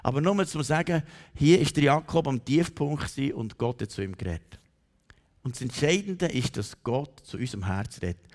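A man preaching a sermon in a church, emphatic, swinging from loud high peaks to soft low asides. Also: animated, normal speed. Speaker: pastor.

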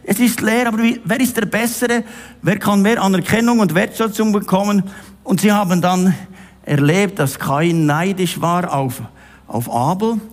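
A man's voice: sits high, moderate pace. A middle-aged man preaching a sermon, addressing the listener directly and with emphasis.

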